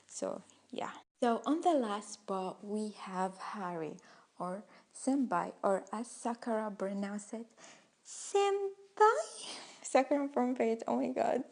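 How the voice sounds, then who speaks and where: Young woman vlogger, slow unhurried delivery, rambling with many restarts. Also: lowish voice, a little mellow. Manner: rambling, hesitant, with frequent fillers and restarts. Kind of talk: casual story time.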